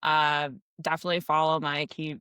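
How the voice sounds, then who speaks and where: A woman's voice: low voice, level tone, normal speed, sharp tone, clean tone, no room sound. A woman hosting a casual podcast interview, enthusiastic and candid, swearing now and then. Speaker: podcast host.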